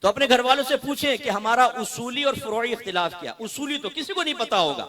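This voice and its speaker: High bright-voiced male preacher. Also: expressive, a little fast. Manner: impassioned, swinging from soft asides to loud emphatic runs; storytelling with quoted dialogue. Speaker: mufti preaching to a gathering. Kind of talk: sermon.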